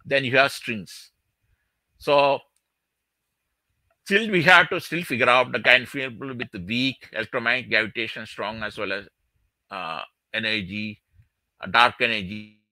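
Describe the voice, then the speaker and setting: A man's voice: mid-range voice, pushed and bright, dry recording. Man on a crackling, cutting-out mic. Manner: halting, many fillers and restarts. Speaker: presenter of his physics theory. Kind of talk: live-streamed technical talk. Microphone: faulty microphone on a video call. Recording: dry sound, mic dropping out.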